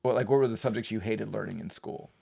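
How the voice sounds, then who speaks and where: A man's voice: on the low side, quick pace, gravelly, darkish tone, slightly rough. A man in his forties co-hosting a podcast, chatting casually and rambling with self-deprecating humor. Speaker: podcast co-host. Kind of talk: casual chat.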